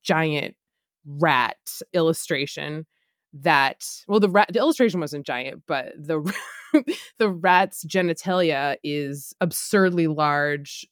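A woman's voice: deep voice, takes it slowly, dry recording, clean studio sound. A woman co-hosting a casual podcast chat, laughing often as she talks. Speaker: podcast co-host.

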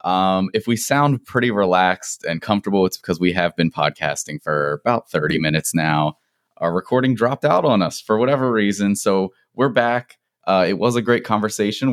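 A man's voice: low-pitched, a little fast, no echo, studio quality. A man hosting a podcast in a chatty, friendly way with frequent ums. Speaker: podcast host.

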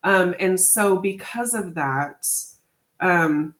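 A woman's voice: on the low side, slow pace, a bit bright. A woman co-hosting a podcast, explaining a research study in a casual chat with many fillers and restarts. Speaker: podcast co-host.

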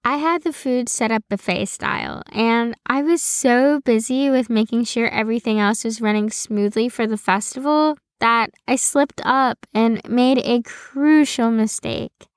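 A woman hosting her own podcast, reading a scripted personal story in a slow, deliberate storytelling manner. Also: on the high side, no room sound, clean studio sound. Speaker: podcast host.

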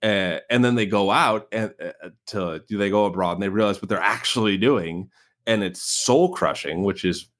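A podcast co-host with a low voice and an American West Coast accent. He talks casually and at length, circling his points with fillers and restarts. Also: normal speed, a bit bright. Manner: rambling, many fillers and restarts. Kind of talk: casual film discussion.

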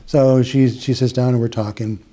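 Speaking with a warm, mellow, mid-range voice at a moderate pace, a middle-aged hypnotist with an Upper Midwest American accent relaxes into a chatty story about a client during an interview. He keeps restarting phrases and acting out snippets of dialogue.

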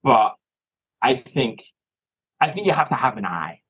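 A man's voice: medium pitch, sing-song, unhurried, a bit bright, husky, low-quality recording. A man from Canada, a filmmaker guest chatting casually in an interview, rambling and often restarting his words.

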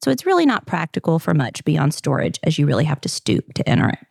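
Southern-accented woman podcast host, chatty and upbeat, low gravelly voice. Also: huge pitch swings, quick pace, a little mellow, no room sound, clean studio sound. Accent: Southern US, Kentucky. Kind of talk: casual scripted narration.

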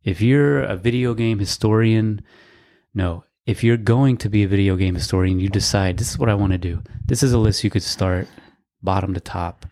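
A man's voice: lowish voice, moderate pace, mellow. A man co-hosting a casual podcast, talking in a laid-back, dry, rambling way with fillers. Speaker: podcast co-host. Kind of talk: casual chat.

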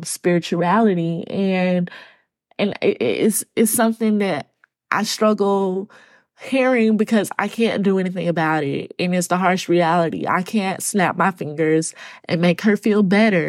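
A woman hosting her own podcast, talking to her listeners in a halting, choked-up way and close to tears. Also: fairly low pitch, no echo. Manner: speaks to listeners as y'all. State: tearful. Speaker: podcast host. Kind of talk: personal solo podcast talk.

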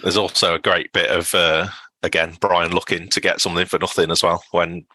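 A man's voice: low-pitched, flat delivery, a little fast, pushed and bright. A man co-hosting a podcast, chatting casually and thinking aloud with questions and restarts. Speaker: podcast co-host. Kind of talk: casual recap chat.

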